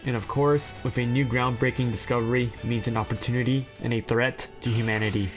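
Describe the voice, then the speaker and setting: A man's voice: medium pitch, level tone, fairly quick, over music. A man narrating a ranked anime list, reading plot summaries and breaking off into blunt, profane, self-deprecating asides. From China.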